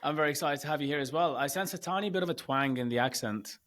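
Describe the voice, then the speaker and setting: A man hosting a podcast interview in casual chat, effusive and quick to exclaim, with some hesitant fillers and restarts. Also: a little high, a bit bright. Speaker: podcast host.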